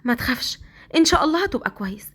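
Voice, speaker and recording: A woman with an Egyptian accent voicing a shy, easily flustered young bride who talks excitably, close to tears, in a storybook romance. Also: rapid-fire, slightly rough, full character voice. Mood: soothing. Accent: Egyptian Arabic. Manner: high-pitched, excitable, near tears.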